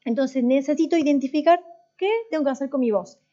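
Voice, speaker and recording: A woman with a high, mellow voice teaches a church class, talking it through casually and quizzing the students as she goes. She often breaks off and restarts her sentences. The recording sounds dull and lo-fi. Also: a little fast. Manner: conversational, asks the class questions, many restarts. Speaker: worship and voice teacher.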